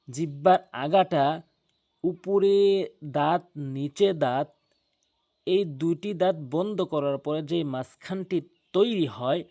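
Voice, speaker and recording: A man's voice: fairly high pitch, darkish tone. A man teaching Arabic letter pronunciation for Quran recitation, drawing out each letter sound and repeating every step patiently. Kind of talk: slow instructional pronunciation lesson.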